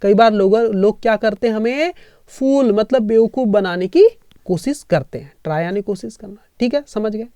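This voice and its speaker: Guy teaching english off a story slide, keeps asking "right?", spells stuff out slow, dead dry room. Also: high-pitched, dark tone, clear, resonant tone, dry recording. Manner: keeps checking in with listeners, spells words letter by letter slowly. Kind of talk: explaining a reading lesson.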